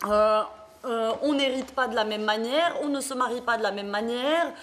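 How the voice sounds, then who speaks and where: A woman's voice: fairly high pitch, normal speed. Earnest woman speaker from Morocco. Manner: earnest, hesitant, many fillers and restarts. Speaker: panel speaker. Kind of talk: public talk at a debate.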